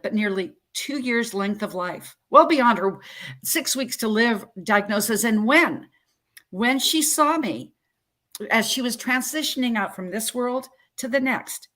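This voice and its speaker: Lively woman in her sixties, high voice. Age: 60s. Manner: animated, emphatic storyteller. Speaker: health coach guest. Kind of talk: storytelling interview answers. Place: Central Florida.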